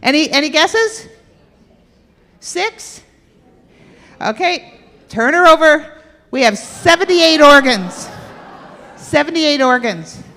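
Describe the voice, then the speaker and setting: A woman's voice: high-pitched, animated, measured pace, pushed and bright. A woman giving an interactive health talk, playfully quizzing her audience with questions. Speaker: health workshop presenter. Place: church hall with stage and aisle. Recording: echoey hall.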